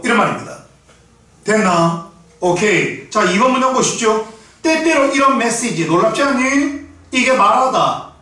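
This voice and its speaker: A middle-aged man with a Gyeongsang Korean accent teaching English exam prep, blunt and rough-spoken, firing rhetorical questions at his students. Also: extremely high pitch, pushed and bright. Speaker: English tutor. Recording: echoey room, mic set at a distance.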